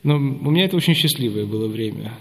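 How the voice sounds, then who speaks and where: A man's voice: medium pitch, lively intonation, fast talker. A man in his fifties from Russia, an Orthodox priest, telling long anecdotes in an interview with many hesitant filler sounds. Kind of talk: interview storytelling. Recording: long hall reverb.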